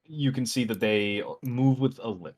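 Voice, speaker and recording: A man narrating a tabletop game as game master in a measured, descriptive way. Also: mid-range voice, darkish tone.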